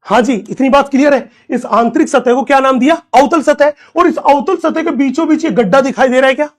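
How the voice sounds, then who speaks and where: A man from India teaching a classroom lecture, slowly repeating key terms and asking questions that he answers himself. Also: very high-pitched.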